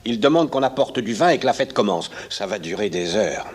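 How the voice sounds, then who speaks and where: An actor playing a composed gentleman doctor-explorer who explains with dry irony, in a French-dubbed comic adventure film. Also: fairly low pitch, expressive, a little fast, husky. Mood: calm, explaining. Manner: dryly ironic, explanatory.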